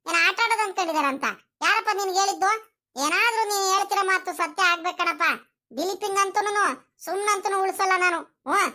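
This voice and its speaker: A woman's voice: very high voice, pushed and bright. A woman voicing a bewildered, pleading young married daughter in a comedy cartoon. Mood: outraged. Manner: pleading, questioning. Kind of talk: village comedy cartoon acting.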